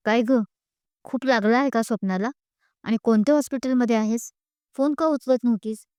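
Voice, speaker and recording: A woman's voice: on the high side, darkish tone, smooth, no echo, clean studio sound, close to an everyday voice. A woman voicing a caring young man who fires off worried questions and teases, in an audio story read by one narrator. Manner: worried rapid questions, teasing. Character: caring young man, protective elder-brother type.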